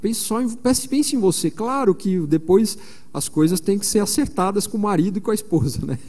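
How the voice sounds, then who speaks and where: Speaking a bit quickly in a high voice with a dark tone and lively intonation, a man in his forties from São Paulo gives a conference sermon at a missionary event. He tells stories casually and fills the gaps with lots of fillers, all under the long reverb of a big church hall.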